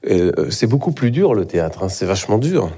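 A man's voice: fairly low pitch, big pitch swings, a little fast, mellow, husky. A middle-aged man, an actor, talking in a live interview on a theatre stage, hesitant, with many fillers and restarts. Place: theatre stage before an audience.

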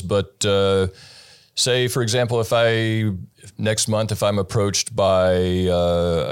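A middle-aged man from the United States, a guest investor explaining his views in an interview, measured, with frequent fillers. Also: low-pitched. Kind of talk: interview answers.

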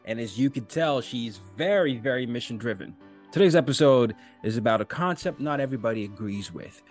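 A man hosting a podcast interview, introducing his guest with enthusiastic, animated delivery and big swings in loudness. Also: medium pitch, a little fast, soft background music. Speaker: podcast host.

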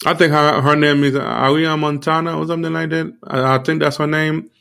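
A man giving an earnest, informal sermon, repeating himself often and filling pauses with "you know". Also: fairly high pitch, little pitch movement, vocal fry, bright, forceful tone, smooth. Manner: earnest, repetitive, many fillers like "you know". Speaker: preacher.

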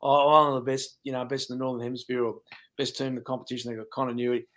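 Ex-coach guy breaking down rugby, blunt and jokey, middle pitch. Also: little pitch movement, racing, a bit bright. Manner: blunt, colourful, laughs at his own jokes. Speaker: rugby pundit, former coach. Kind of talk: casual sports analysis.

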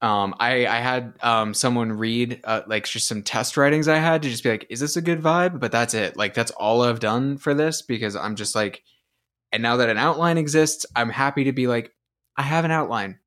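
Excitable young man, swearing co-host. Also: mid-range voice, moderate pace. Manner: excitable, swears, rambles with restarts. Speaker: podcast co-host. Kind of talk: casual chat.

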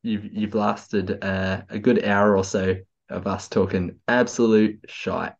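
A man's voice: fairly low pitch, steady tone, takes it slowly, gravelly. A man co-hosting a podcast in casual chat, a bit tipsy and enthusiastic, often stammering and restarting. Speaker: podcast co-host. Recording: slightly dull, lo-fi audio.

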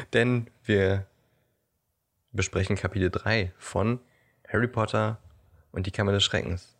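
A man with a low, gravelly voice co-hosts a relaxed podcast chat. He jokes around and laughs easily between his sentences. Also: slow, long pauses. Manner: playful, joking, laughs often. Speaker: podcast co-host.

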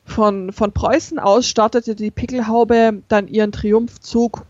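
Slow-paced woman hosting, dry dull recording. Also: fairly high pitch, steady tone, darkish tone, dry recording. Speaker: podcast host. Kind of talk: informative podcast narration.

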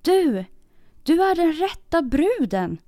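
A woman's voice: extremely high pitch, sing-song, dark tone, no room sound, clean studio sound, faint music behind, pitched above the performer's own voice. A woman voicing an earnest young king's son in a storybook reading, asking probing questions.

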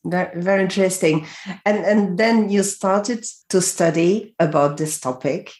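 Measured woman podcast host. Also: fairly low pitch, a little mellow, echoey room. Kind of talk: scripted intro and interview questions.

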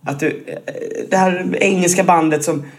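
A man talks as a guest musician in a loose conversation. He is animated, often slipping into acted-out voices that jump high and loud, then settling back into a calmer, lower tone. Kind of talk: casual chat.

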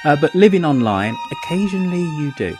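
Hosting a podcast interview over a remote call, this man is chatty and self-deprecating, and his questions ramble. He speaks fairly quickly in a fairly high voice with big pitch swings. Music plays in the background.

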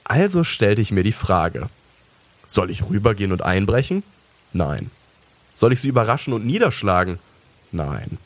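A man narrating a creepypasta in the first person, calm and sinister with mocking asides. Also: fairly low pitch, brisk, dry recording.

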